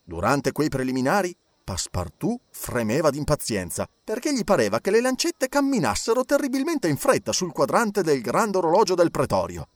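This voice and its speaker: A man narrating an audiobook in an expressive, lively reading style. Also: a little high, moderate pace, hardly any pauses, dry recording. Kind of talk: scripted narration.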